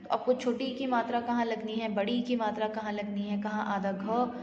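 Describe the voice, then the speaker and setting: A woman's voice: a little high, level tone, normal speed, darkish tone. A woman teaching a grammar lesson, asking her students questions and then answering them herself, with English words mixed in. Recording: echoey room, slightly dull audio.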